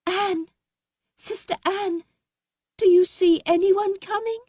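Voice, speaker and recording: A woman voicing a terrified young wife who pleads for her life in a high, desperate voice. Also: unhurried, darkish tone, no room sound, studio quality.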